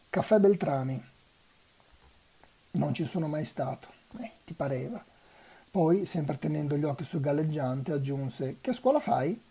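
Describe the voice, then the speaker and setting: Dark, husky novel reader. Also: mid-range voice. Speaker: volunteer reader. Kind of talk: reading a novel aloud.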